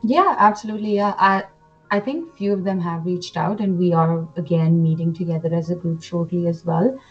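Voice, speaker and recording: A woman in her twenties who grew up in India and holds a pageant title chats as a guest in a casual interview, enthusiastic and full of fillers and restarts. Her voice is fairly low and at normal speed, the audio dull with soft music in the background.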